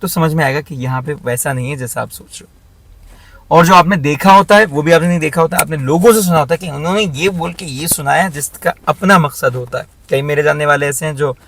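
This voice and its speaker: A man's voice: fairly high pitch, fairly quick, a bit bright, a little hiss or hum. A man hosting his own channel, delivering an emphatic, blunt commentary that scolds his critics. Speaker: channel host. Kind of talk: opinionated commentary vlog.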